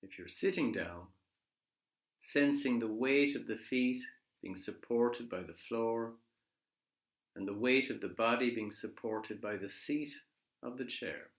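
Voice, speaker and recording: In an echoey room, a man with a medium-pitched voice leads a guided body scan meditation. He speaks in a measured, gently instructive way, leaving pauses between phrases.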